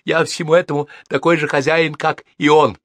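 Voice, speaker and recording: A man's voice: a little high, level tone, normal speed, fairly bright tone, no room sound, pitched above the performer's own voice, close to an everyday voice. A man voicing a battered young man who talks back defiantly and with resentment. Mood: defiant resentful. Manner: defiant, pleading.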